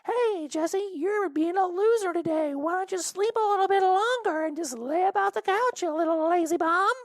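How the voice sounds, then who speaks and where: A man putting on a shrill, high cartoon mouse voice that taunts him. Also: moderate pace, no room sound, clean studio sound. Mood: taunting.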